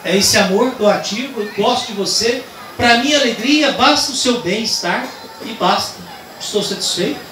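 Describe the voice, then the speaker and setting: At an outdoor night Mass under a tent, a priest with a Brazilian Portuguese accent delivers an earnest homily, telling stories that rise to emphatic points. His voice sits high and moves at a moderate pace. Captured from a distance with slight background noise, the sound is roomy over a loud crowd.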